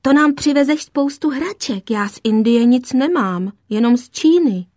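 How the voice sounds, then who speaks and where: Woman reader doing an excited little boy for a storybook, high and eager, a touch louder. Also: dry recording, studio quality. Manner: eager, chattering.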